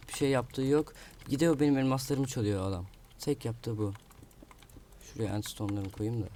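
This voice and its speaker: A man's voice: mid-range voice, darkish tone, a little hiss or hum. Man grumbling over his gameplay. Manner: grumbling at an opponent, muttering to himself. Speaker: gaming video creator. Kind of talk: live gameplay commentary. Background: keyboard clicks and typing.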